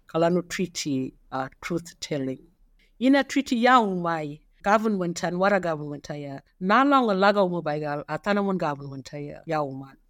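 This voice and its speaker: A man narrating an explainer, reading quotes and numbered points in a steady, measured way. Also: a little high, no room sound, studio quality. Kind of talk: read-aloud explainer narration.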